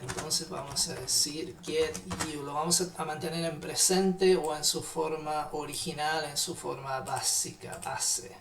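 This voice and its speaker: A man teaching English in a live online class, patiently repeating phrases slowly. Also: a little high, steady tone, gravelly, fairly bright tone, recorded from a distance, a little hiss or hum. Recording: echoey room, off-mic.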